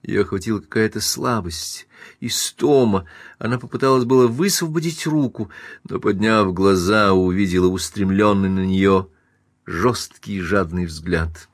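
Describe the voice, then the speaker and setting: A man reading a classic novel aloud as audiobook narrator, even and measured. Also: lowish voice, no room sound, studio quality. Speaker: audiobook reader.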